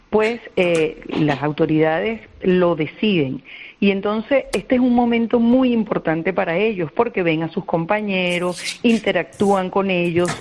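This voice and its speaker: A Venezuelan woman with a medium-pitched, somewhat dark voice and a Venezuelan accent appears as a guest on a radio interview. She is a volunteer psychologist who answers earnestly, repeating phrases to emphasize her explanations. The call sounds dull and band-limited.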